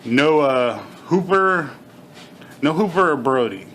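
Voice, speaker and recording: Middle-aged man, bright voice, numb half-mouth slur. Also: a little high, animated, slow, slight background noise, low-quality recording. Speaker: toy reviewer. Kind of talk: casual hands-on video review, unscripted.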